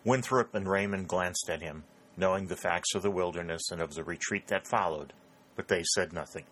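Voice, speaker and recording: A man narrating a historical novel in steady, scripted storytelling. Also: low-pitched, moderate pace, slightly rough. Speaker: audiobook narrator.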